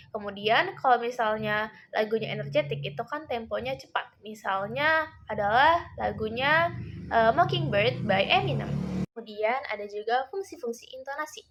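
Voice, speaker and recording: A woman's voice: a little high, a bit bright. A teenage girl giving a school presentation, explaining in a casual way with frequent tag words. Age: late teens. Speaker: student presenter.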